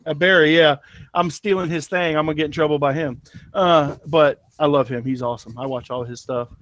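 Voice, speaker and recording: Folksy guy selling antiques, kinda high voice, dry close sound, rambles and pokes fun at himself. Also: fairly even intonation, a little fast, a bit bright, no echo. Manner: rambling, folksy and self-deprecating. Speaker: antiques seller. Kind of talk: casual chat.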